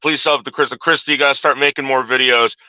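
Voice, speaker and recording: A man's voice: mid-range voice, steady tone, fast, pushed and bright, dry recording, lo-fi sound. A man ranting on a casual livestream, talking back to chat, profane and repetitive with frequent restarts. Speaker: livestream host reading chat.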